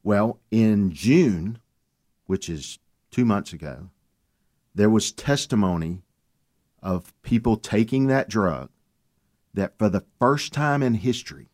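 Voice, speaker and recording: A man, a guest on a talk radio show, telling his story in an earnest, animated way. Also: on the low side, slow, long pauses. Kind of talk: casual radio chat.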